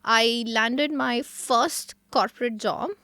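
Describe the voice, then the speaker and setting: Polished Indian-accented woman, higher-pitched. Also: slow pace, sharp tone, no room sound, studio quality. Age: 30s. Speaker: interview guest, talent acquisition leader. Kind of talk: interview answers, explaining from experience.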